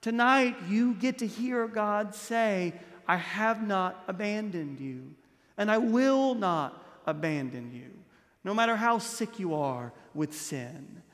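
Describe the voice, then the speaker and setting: A man in his thirties, a priest delivering a Christmas Eve homily with impassioned preaching, dropping low and soft on key words. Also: lively intonation, takes it slowly. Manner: gestures broadly while standing at a lectern. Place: large stone church, indoors. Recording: long church reverb.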